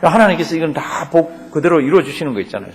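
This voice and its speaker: A male pastor leads a Bible study lecture in a fairly high voice with a very animated, swooping pitch. He reads scripture aloud, then explains it in a relaxed, conversational way, often asking the class questions. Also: quick pace. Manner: asks the class questions and leads group reading.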